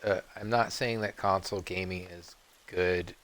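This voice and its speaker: A man streaming a game, rambling off on tangents and often clearing his throat. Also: sits low, fairly even intonation, moderate pace, fairly bright tone, slight background noise. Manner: meandering, digressive, frequent throat clearing. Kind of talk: rambling live-stream commentary.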